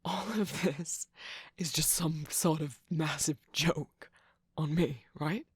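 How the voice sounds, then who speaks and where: An ASMR performer voicing a suspicious, sardonic villain jester cookie in an intimate roleplay, breathy and often dropping to a whisper, close on the mic. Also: mid-range voice, dry recording. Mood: suspicious, mocking. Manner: sardonic, teasing, drawn-out phrasing. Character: mischievous, suspicious, guarded villain cookie jester, grudgingly softening. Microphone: close, dry microphone.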